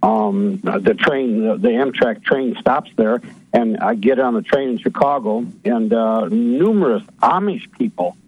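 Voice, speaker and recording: A man calling into a radio show over a tinny, phone-like line. His voice is husky and a little breathy. He speaks haltingly, filling gaps and restarting his sentences. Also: medium pitch. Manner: halting, with many fillers and restarts. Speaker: caller. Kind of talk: call-in radio talk.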